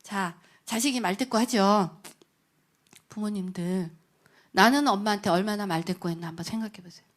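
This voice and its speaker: A middle-aged woman giving an emotional testimony sermon at a prayer meeting. She tells her story in an animated way, acts out the people she quotes, and drops to a hushed voice at moving moments. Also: medium pitch, normal speed.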